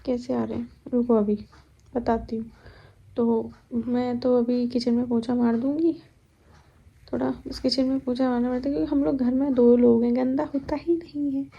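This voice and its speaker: A woman's voice: a little high, little pitch movement, normal speed, vocal fry, breathy edge, muffled recording. A young woman chatting to her viewers at home in a casual vlog, telling stories about her day. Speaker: vlogger. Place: at home, kitchen.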